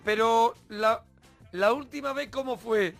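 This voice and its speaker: A man's voice: very high-pitched, a little slow, gravelly, faint music behind. A man co-hosting a comedy radio show, casually prodding a caller with teasing questions.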